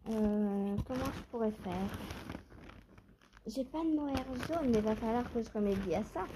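In a noisy background, a knitting vlogger with a slightly high voice and moderate pace films herself on a handheld phone at home among her yarn stash. She chats casually with viewers while picking yarns, musing hesitantly and filling the talk with fillers and questions she asks herself.

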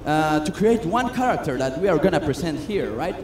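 Man, high voice, chatty self-mocking magician patter; echoey stage, noisy room. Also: expressive, a little fast. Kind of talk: comedic stage patter with audience. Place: cruise ship stage. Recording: echoey stage sound with noise.

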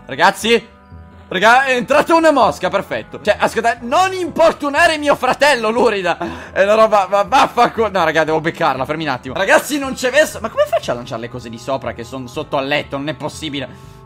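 Lively, high-pitched joking male gamer. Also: quick pace, soft background music. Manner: jokey, crude, swears often; talks to viewers directly. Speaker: gaming video host. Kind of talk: let's-play commentary.

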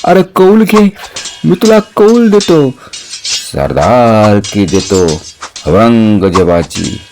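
A man voicing an enemy general who calls out loudly, coaxing a brave foe to surrender. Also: on the low side, sing-song, slow pace, soft background music, full character voice. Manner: calling out, coaxing. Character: Diler Khan, loud amazed enemy general.

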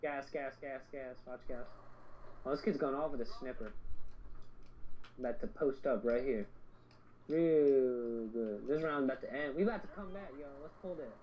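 A man's voice: medium pitch, normal speed, pauses often, dull audio, slight background noise. A young man giving casual, slangy game commentary and repeating short callouts to his teammates. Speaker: gamer recording commentary.

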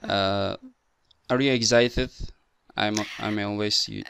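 Bright, clear-voiced young Turkish male tutor. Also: fairly low pitch, fairly even intonation, slow, dry recording, clean studio sound. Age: 20s. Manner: non-native English with simple, imperfect grammar. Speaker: language tutor, host. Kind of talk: teaching conversation, correcting and explaining.

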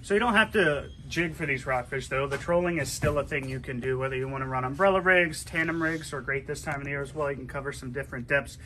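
A middle-aged man hosting a casual fishing report inside a tackle shop, chatty and relaxed as he gives tips. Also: mid-range voice, fast, hardly any pauses, a little hiss or hum. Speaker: fishing shop host giving the weekly report. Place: inside a tackle shop, amid glass display cases.

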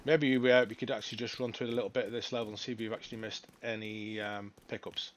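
Excitable male gaming streamer. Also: lowish voice, fast talker, a little hiss or hum. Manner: shouts excitedly in fights, chatty when calm. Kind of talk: live gameplay commentary.

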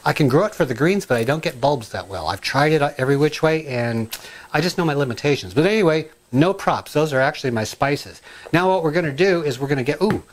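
A middle-aged man with a slightly high voice talks to the camera in his home kitchen. He rambles from one aside to the next, excitable and full of ums. The sound comes from a camera mic set a little way off. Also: a little fast, slight background noise. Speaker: home cooking and gardening vlogger. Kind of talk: casual chatty kitchen vlog.

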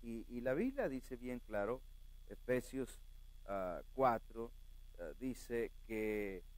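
A man preaching a sermon as pastor, talking straight to his congregation in an animated way. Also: medium pitch, dry recording.

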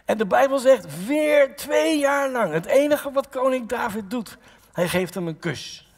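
A man's voice: extremely high pitch, a little slow. A Dutch man preaching a sermon as pastor, retelling a Bible story with acted-out lines and direct questions to his listeners. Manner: lively storytelling, voicing biblical characters, direct questions to the congregation. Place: church hall. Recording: long church reverb.

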